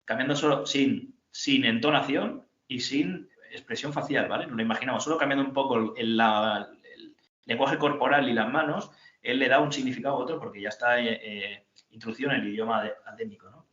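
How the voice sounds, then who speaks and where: A podcast host leads a casual book discussion, rambling with lots of fillers and reading passages aloud. His mid-range voice is brisk with a fairly bright tone. The lo-fi sound is roomy and dull.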